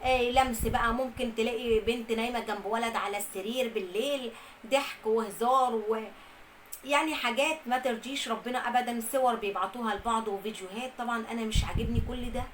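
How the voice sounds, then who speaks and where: Young egyptian woman telling her story, kinda high voice, earnest, lists stuff over and over. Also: steady tone, fast talker, a little hiss or hum, rough recording. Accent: Egyptian Arabic. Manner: earnest, with repeated emphatic lists. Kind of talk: first-person storytelling.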